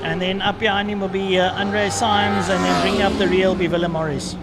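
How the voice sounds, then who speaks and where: A man giving live motorsport race commentary in a halting way, following the action as it unfolds. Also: high-pitched, level tone, over loud music. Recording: loud engine and outdoor track noise. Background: motorcycles and vehicle noise.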